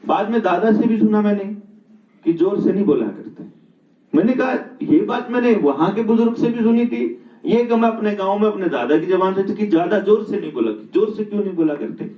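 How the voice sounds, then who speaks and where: High-voiced middle-aged man telling stories. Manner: storytelling, asks rhetorical questions. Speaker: speaker on natural living. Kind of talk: reflective spoken talk. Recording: roomy, distant, dull sound.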